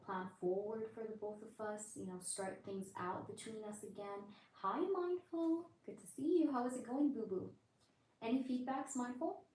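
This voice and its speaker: A woman's voice: mid-range voice, darkish tone. A woman doing a live-streamed tarot reading, relaying messages in the first person, repeating phrases and greeting chat viewers by name. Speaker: tarot reader. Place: indoors at night with others nearby. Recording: roomy echo, faint background noise.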